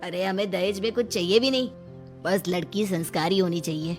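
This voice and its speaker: A woman's voice: lowish voice, a little fast, darkish tone, soft background music, natural voice. A woman voicing an impatient middle-aged husband who orders his wife around. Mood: respectful. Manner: curt, ordering.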